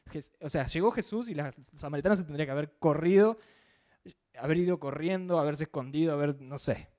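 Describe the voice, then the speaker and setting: Male preacher, Rioplatense accent, fairly high voice, chatty sermon delivery. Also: darkish tone. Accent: Rioplatense Spanish. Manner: conversational, acts out quoted voices.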